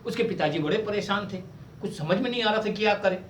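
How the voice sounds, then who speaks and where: A man's voice: high-pitched, fast talker, a little hiss or hum. A male comedian, telling a comic story on stage and slipping into character voices. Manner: lively storyteller who switches into character voices. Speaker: stand-up comedian. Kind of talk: stand-up storytelling with acted voices. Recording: echoey stage sound from a distance.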